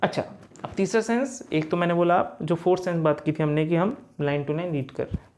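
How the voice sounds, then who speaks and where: A male teacher giving a study-tips lesson. He asks questions and answers them himself, often checks in with "okay", and says sample lines slowly, word by word. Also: fairly high pitch, a little mellow.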